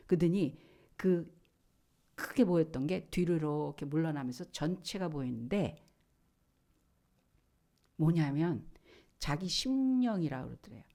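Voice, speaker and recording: A middle-aged woman pastor delivers a sermon in a lowish, mellow voice. She tells her story with drama, crying out quoted lines and then sinking to a hushed whisper. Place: church.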